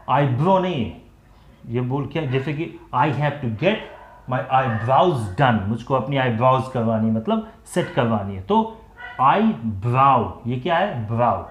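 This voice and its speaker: A young man teaching an exam-prep phonetics lesson. He explains slowly and repeats words and sounds so students can drill the pronunciation. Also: a little high. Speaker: English teacher. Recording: echoey room.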